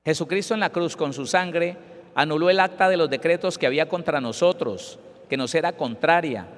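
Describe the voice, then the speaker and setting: A man's voice: a little high, moderate pace, long reverb tail. A man, a pastor giving an emphatic Bible study sermon and acting out the voices of callers.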